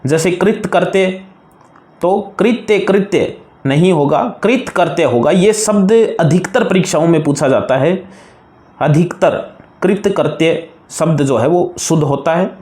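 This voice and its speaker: Guy teaching grammar, pretty high voice, keeps repeating the words, roomy echo. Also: a little slow, a little mellow. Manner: explains spelling rules patiently, repeating words and contrasting wrong with right forms. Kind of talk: classroom-style grammar lesson.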